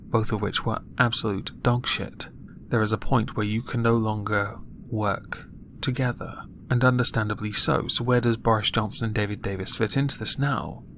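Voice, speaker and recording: Man, low voice, monotone, annoyed political rant, faint background noise. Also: normal speed. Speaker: political commentator. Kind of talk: opinion monologue.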